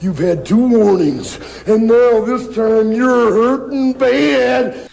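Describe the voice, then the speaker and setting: A man putting on a high gravelly taunting fighter. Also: takes it slowly, darkish tone, full character voice, poor audio. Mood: menacing.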